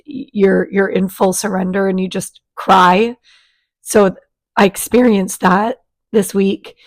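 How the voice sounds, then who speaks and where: A spiritual coach and channel host gives a casual monthly energy forecast in a mid-range voice that's raspy from a sinus virus she's recovering from. She's gentle and chatty, with lots of fillers and restarts.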